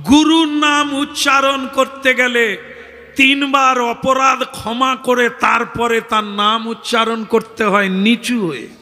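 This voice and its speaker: A man's voice: very high-pitched, bright, forceful tone, long reverb tail. A man telling a devotional story in kirtan style, dramatically voicing the characters. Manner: dramatic, switches between voices of characters.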